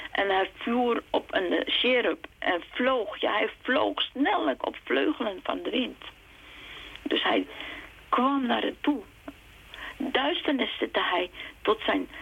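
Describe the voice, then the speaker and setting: A woman preaching a sermon in an earnest, unhurried way, reading aloud from the Psalms and stopping now and then to restart a phrase. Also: mid-range voice, gravelly, breathy edge. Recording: muffled, lo-fi with faint hiss.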